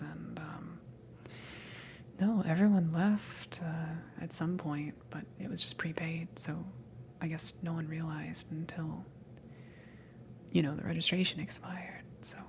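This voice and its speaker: Acted by a woman, a friendly alien salvage crew member speaks in a low, slightly creaky whisper that stays soft and breathy. It's an intimate ASMR roleplay, delivered as an unhurried, hesitant, halting ramble, easygoing and awkward. A faint hiss or hum sits underneath.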